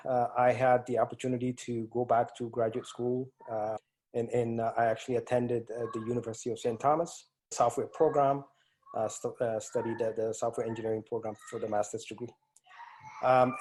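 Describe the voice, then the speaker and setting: Over a remote call, a man in his forties with an East African accent, tied to Ethiopia and Kenya, answers interview questions as an IT strategist. His medium-pitched voice has a darkish tone, and his answers are full of hesitant fillers and restarts.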